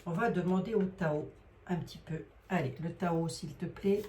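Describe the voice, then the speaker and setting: A woman's voice: on the low side, normal speed, background noise. A middle-aged woman with a Lorraine accent, doing a card reading in a hesitant, rambling way, with many fillers. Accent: Lorraine French. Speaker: psychic card reader.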